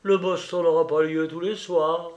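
A man's voice: a little high, little pitch movement, moderate pace, echoey room, lo-fi sound, natural voice. A man voicing a sour, dried-up provincial spinster in a read-aloud novel. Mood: curt.

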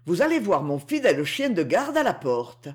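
A woman's voice: fairly low pitch, sing-song, moderate pace. A woman voicing a coaxing, boastful underworld king. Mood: pleased. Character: underworld king, smooth-talking and possessive. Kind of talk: audiobook character reading.

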